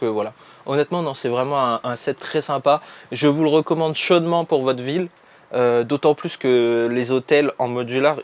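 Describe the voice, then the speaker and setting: A young man casually talking through a product review, chatty and friendly, often pausing to search for words and restarting phrases. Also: medium pitch. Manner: chatty, friendly, hesitant with frequent pauses and restarts. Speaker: vlogger reviewing a LEGO set.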